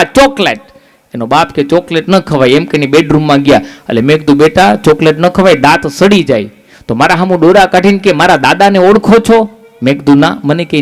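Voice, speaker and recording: Male stand-up comic, high voice, storytelling jokes on a live stage. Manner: storytelling jokes with quoted dialogue. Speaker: stand-up comedian.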